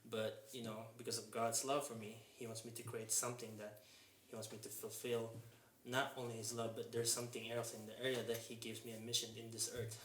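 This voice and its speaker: Recorded in an echoey room with faint noise, an earnest young Japanese man in his 20s, a fitness mentor, guests on a casual podcast. He uses a mid-range, fairly bright voice with little pitch movement, speaking haltingly and chaining thoughts with "and then."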